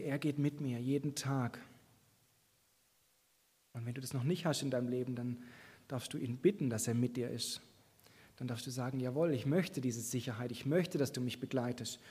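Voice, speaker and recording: A man's voice: mid-range voice, a little mellow, husky. A man preaching a sermon, earnest and encouraging, speaking directly to his listeners. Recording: long hall reverb.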